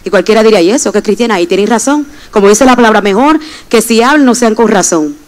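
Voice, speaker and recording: Young woman preacher delivering an emphatic sermon with testimony, voice a little high. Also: expressive, fast, low-quality recording. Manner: emphatic, addresses the congregation directly.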